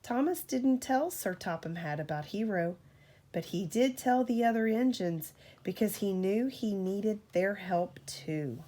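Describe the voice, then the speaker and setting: A mother with a medium-pitched voice reads a storybook to a child, delivering it with deliberate, expressive storytelling.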